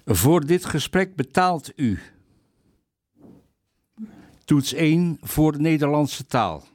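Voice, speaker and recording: A man's voice: fairly high pitch, expressive, slow pace, a little mellow, no room sound, voice pushed up. A man doing a robotic phone-menu computer voice. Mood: mechanical. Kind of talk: reading a short humorous column aloud.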